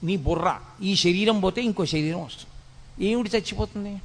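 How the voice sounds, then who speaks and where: A man giving a spiritual discourse, chanting verses slowly and scolding in rapid rhetorical questions. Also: high voice. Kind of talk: Telugu religious discourse. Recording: long hall reverb.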